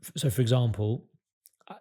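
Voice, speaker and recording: A man's voice: medium pitch, moderate pace, mellow. A man in his twenties, a band's guitarist, giving candid, chatty and self-deprecating advice in a casual interview. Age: 20s. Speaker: band guitarist.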